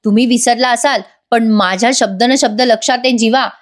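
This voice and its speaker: A woman's voice: a little high, fairly even intonation, brisk, natural voice. A woman voicing a hurt and angry young wife who speaks sharply and reproachfully.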